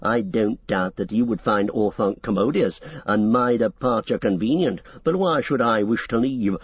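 A man voicing a proud, scornful old male wizard whose voice is shrill and cold, mocking as he speaks. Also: moderate pace, breathy edge, no echo, highs cut off. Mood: sneering. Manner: mocking, sneering. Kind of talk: audiobook character reading.

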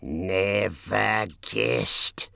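A man voicing Gollum's kind of wretched, obsessive old cave creature, with a shrill, strained voice and drawn-out, wailing, hissing speech. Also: animated, creaky, bright, forceful tone, no room sound, clean studio sound, heavily acted. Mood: suspicious, sly.

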